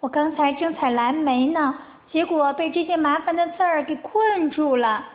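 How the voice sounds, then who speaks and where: A woman voicing a small, gentle storybook mole, squeaky and fretful, on a tinny phone-like recording. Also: normal speed, natural voice.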